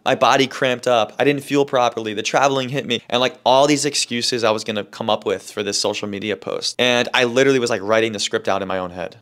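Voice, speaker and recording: A man's voice: mid-range voice, fairly bright tone. A man vlogging in a candid, conversational way, telling a personal story casually and repeating words for emphasis.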